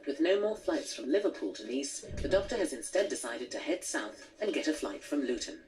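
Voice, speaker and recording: A woman's voice: sits low, sing-song, brisk, distant mic, crowd noise. A woman narrating a documentary in a scripted storytelling delivery.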